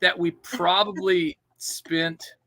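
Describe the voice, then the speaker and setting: A man's voice: high voice, steady tone, slow, sharp tone, no room sound. A man from a band, a guest on an interview show, telling stories in an upbeat, rambling way. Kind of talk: casual interview chat.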